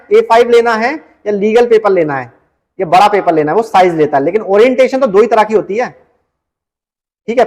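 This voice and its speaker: A man teaching an exam-prep computer lesson, reading English questions slowly and explaining them in casual Hindi. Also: sits high. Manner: often adds "ठीक है" as a check-in.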